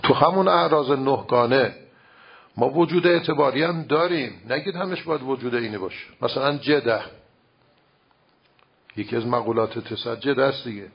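In a dull lo-fi recording, a man with a mid-range, slightly rough voice gives an informal lecture on religious philosophy. He explains with everyday examples and rhetorical questions.

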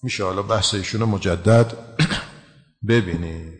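A man's voice: sits low, long reverb tail. A man giving a religious lecture, explaining a text and asking his listeners rhetorical questions.

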